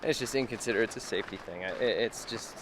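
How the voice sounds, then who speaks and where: Man, low voice, casual travel vlog, blunt and joking, outdoor ambience. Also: fast talker, noisy background. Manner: blunt, swears freely, dry joking. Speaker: travel vlogger. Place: outdoors on mountain trails and at a rental house.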